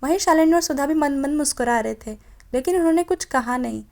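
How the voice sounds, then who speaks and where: A woman's high voice, slightly mellow with some vocal fry, moves a little fast as she reads a romance audiobook. She takes on every character by adjusting her tone a bit for each, correcting herself whenever she slips.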